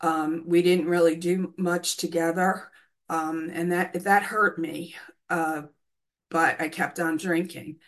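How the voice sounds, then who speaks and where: A woman in her sixties from the United States tells her own recovery story in a candid, hesitant way, often pausing with "um". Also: fairly low pitch, fairly even intonation. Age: 60s. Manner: hesitant, many ums, candid. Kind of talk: personal testimony.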